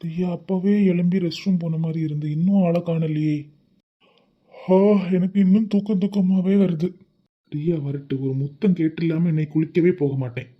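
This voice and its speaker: A performer voicing a gentle young husband in a cartoon, with a Tirunelveli Tamil accent, asking anxious, quick questions. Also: medium pitch, dull audio, natural voice. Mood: sleepy.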